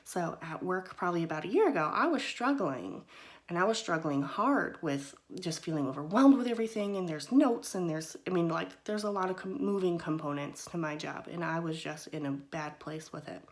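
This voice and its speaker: A woman with a slightly low voice talks through a mindfulness lesson in a loose, conversational way. She keeps checking in with her listeners as she goes and fills her sentences with easy, chatty phrases. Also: lively intonation, moderate pace. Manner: conversational, often checks in with "right?" and "okay?"; loose and chatty, with frequent "kind of" and "you know". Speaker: host of a mindfulness talk. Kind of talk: casual teaching talk.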